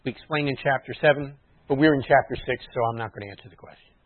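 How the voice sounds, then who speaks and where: A man preaching a sermon in a teacherly way, explaining words and dropping into quiet asides. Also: medium pitch, quick pace, no room sound. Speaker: messianic rabbi preaching. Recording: dry tinny phone-like sound.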